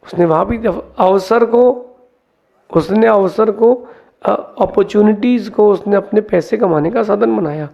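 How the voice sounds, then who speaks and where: A man, a monk, giving a sermon, telling parables in a lively teaching way and mixing in English words. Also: high voice, measured pace, gravelly. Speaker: Jain monk giving a discourse. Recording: dull lo-fi sound.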